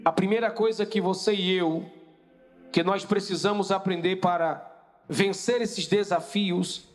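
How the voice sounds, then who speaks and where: Man, pastor, sermon, very high voice, repetitive preaching cadence, faint music behind. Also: fairly bright tone.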